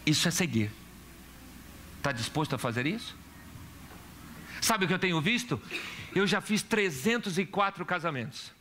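A man's voice: on the high side, animated, normal speed, pauses often, bright, forceful tone, a little hiss or hum. A man preaching a sermon in church as pastor, asking the congregation questions and telling stories. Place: church hall.

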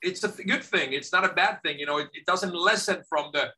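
In a casual video-call interview, a middle-aged Finnish guest speaks from his home office in a high voice at a brisk clip. He's animated and frequently repeats words when starting sentences.

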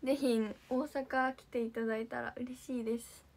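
A young woman with a bright, high-pitched voice. She chats casually and giggles often, reacting to viewer comments with quick, bubbly surprise. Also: flat delivery, gravelly. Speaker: idol livestream host. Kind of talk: casual livestream chat reading viewer comments.

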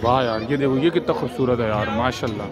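A man, excitedly vlogging as he walks around a crowded livestock expo hall, chatty and full of exclamations. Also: mid-range voice, fast talker, crowd noise. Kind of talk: walking tour vlog. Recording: music playing loudly behind.

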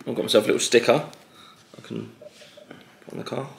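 A man's voice: medium pitch, fairly even intonation, fast talker, gravelly. A man in his thirties vlogging at home, reading gift cards aloud and joking as he opens presents. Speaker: vlogger, new dad opening gifts. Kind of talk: casual chat. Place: living room, indoors. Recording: echoey room, faint noise.

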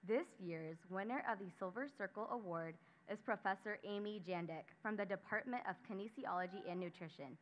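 A young woman, a student council member, giving a formal scripted ceremony speech at a podium microphone and announcing names in a measured way. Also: mid-range voice, a little hiss or hum. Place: graduation ceremony. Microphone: speaking at a podium microphone. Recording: dull lo-fi sound.

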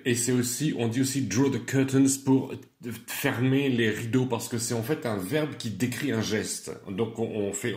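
A man teaching, reciting irregular verb forms slowly and deliberately, then explaining them in a calmer, lower tone. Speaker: English teacher.

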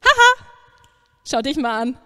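A sneering male devil spits mocking taunts, as a woman preacher acts him out. His voice sits fairly high and stays in the speaker's plain register, with a scornful, belittling edge. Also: unhurried. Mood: taunting. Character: sneering male devil whispering cruel lies.

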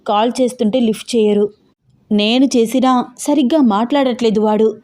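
A woman voicing an emotional, fiery young bride who fires off rapid, agitated questions. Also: fairly high pitch, mellow, lightly acted. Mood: upset.

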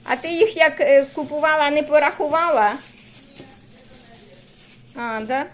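Older woman from Ukraine, high bright voice, chatty homey vlogger who coos at her pet. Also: unhurried, soft background music. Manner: chatty, cooing affectionately at her dog. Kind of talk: casual home vlog chat. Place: indoors at home, then at a neighbor's house.

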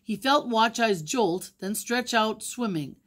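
A woman's voice: fairly high pitch, lively intonation, slow, a bit bright. Older woman, story reader, plain delivery, explains pictures, reads aloud. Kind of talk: reading a novel aloud.

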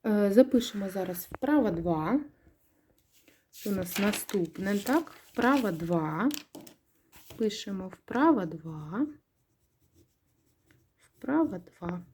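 A woman's voice: mid-range voice, lively intonation, slow, pauses often, a little mellow, slightly rough. A woman teacher with a Ukrainian accent giving a recorded grammar lesson to young pupils, patiently asking questions and answering them herself. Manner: patient, asks questions and answers them herself, stretches words to stress syllables. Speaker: primary school teacher.

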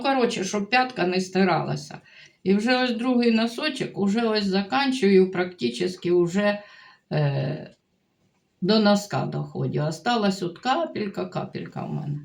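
A woman's voice: mid-range voice, normal speed, creaky, darkish tone. Older woman, grandmother vlogger at home, rambling chatty delivery. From Ukraine. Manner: chatty and rambling, mixing two languages. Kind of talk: casual home vlog chat.

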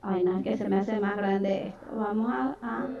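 A woman with an Ecuadorian coastal accent runs an online third-grade lesson in Spanish, dictating at a moderate pace in a steady, gravelly, medium-pitched voice and tenderly calling pupils "mi amor" and "mi vida." The video-call computer mic yields echoey, distant, dull audio, with children's voices and background noise.

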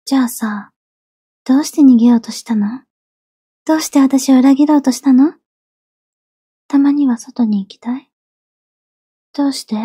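A woman playing a possessive yandere girlfriend in a soft, breathy ASMR role-play, obsessively loving, clingy and sweetly menacing. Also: high-pitched, no echo, studio quality, lightly acted. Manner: yandere: obsessively loving, soft, pleading turning coldly threatening.

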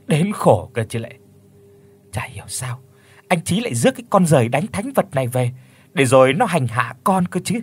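A man's voice: mid-range voice, slightly rough, dry recording. A man doing a gossiping village auntie. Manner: lamenting, gossipy. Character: gossiping older village woman, pitying.

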